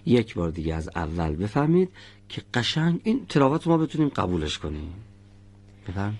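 A man teaching Quran recitation, patiently correcting his students' pronunciation and demonstrating each sound slowly. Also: on the low side, very animated, darkish tone. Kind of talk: patient classroom instruction.

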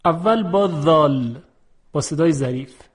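A man teaching pronunciation for Quran recitation, explaining each letter calmly and then drawing out example words slowly, each one said twice. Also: a little high, husky.

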